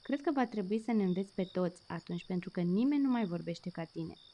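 A woman voicing a gentle, caring father tomcat who patiently corrects his kitten. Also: fairly low pitch, animated, dull audio. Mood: amused.

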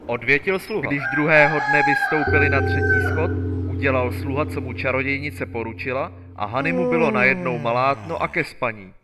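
A man narrating a fairy tale in a measured, storytelling manner. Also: mid-range voice, wildly swooping pitch, heavy background noise. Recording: loud background music.

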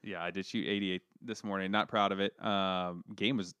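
A man with a fairly low, smooth, clean voice chats casually as a podcast co-host. He rambles, piles up fillers and restarts, and pokes fun at himself. The sound is dry and close, with no room around it. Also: steady tone, moderate pace, sharp tone, no echo. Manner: rambling, filler-heavy, self-deprecating. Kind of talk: casual chat.

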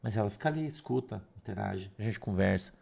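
A middle-aged man preaching a sermon, emphatic, swinging between loud stresses and soft asides. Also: fairly low pitch, lively intonation, fast talker, gravelly, slightly rough. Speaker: pastor.

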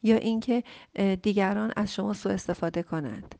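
Woman counselor with a gravelly voice, soft and slow, drifting into whispers, dry close sound. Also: medium pitch, dry recording. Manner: gentle, repeats key phrases. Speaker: family counselor answering a listener question. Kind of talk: calm advice talk.

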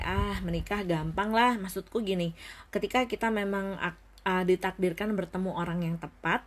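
A young woman vlogger with a medium-pitched voice chats casually and reflectively to her viewers, sprinkling English phrases into her speech. She is thoughtful, often stopping to think with plenty of fillers.

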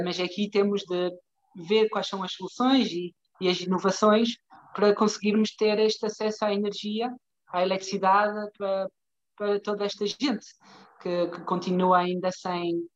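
European Portuguese woman, dull lo-fi audio. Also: medium pitch. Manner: hesitant, searching for words, frequent checking tags. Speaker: interview guest, development bank professional. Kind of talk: conversational interview explanation.

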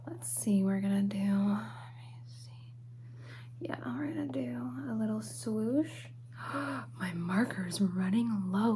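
A young woman whispering softly and slowly in a personal-attention ASMR roleplay, close to the microphone. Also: medium pitch, slight background noise. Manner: soft whispering, slow and close. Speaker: ASMR creator. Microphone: close sensitive mic.

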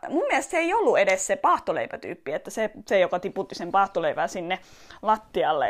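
Finnish woman, casual storyteller, rambling and wry, mid-pitched voice. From Finland. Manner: chatty, rambling, lots of fillers and restarts.

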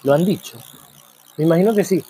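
A man hosting a program, talking in a reflective monologue full of rhetorical questions and slow, drawn-out pauses. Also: fairly high pitch, dark tone, a little hiss or hum. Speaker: program host.

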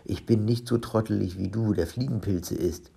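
A man putting on a proud, lively robber's wife from a storybook, a little higher and louder than his usual low, gravelly voice. She sounds bright and chirpy, and her voice has a husky grain. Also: moderate pace. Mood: indignant. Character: proud, cheerful robber's wife, adult woman. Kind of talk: storybook reading.

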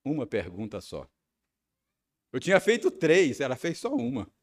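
A man's voice: medium pitch, wildly swooping pitch, moderate pace. A man with a Brazilian Portuguese accent preaching a sermon, telling a personal story with frequent tag questions. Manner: storytelling, acting out his own angry rehearsal. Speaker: pastor.

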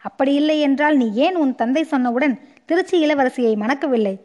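A woman's voice: high-pitched, normal speed, darkish tone, natural voice. A woman reading the lines of a proud, grieving queen mother in an audiobook story, delivered in a scolding, impassioned manner. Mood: reproachful.

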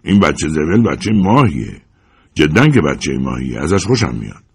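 A man's voice: extremely low pitch, sing-song, breathy edge, exaggerated voice. A man voicing a sneering adult male hitman who talks in a sarcastic, taunting way. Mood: mocking.

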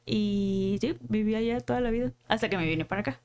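A woman's voice: mid-range voice, fairly quick, a little mellow, clean tone. A young woman with a northern Mexican Sinaloa accent, chatting casually on a podcast and laughing often. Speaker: podcast host.

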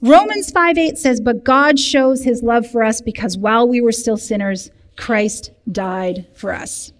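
A woman leading a recovery group, teaching in a lively way and speaking directly to the room with humor. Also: fairly high pitch, a little slow. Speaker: recovery program leader. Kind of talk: sermon teaching. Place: church meeting room. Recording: long hall reverb.

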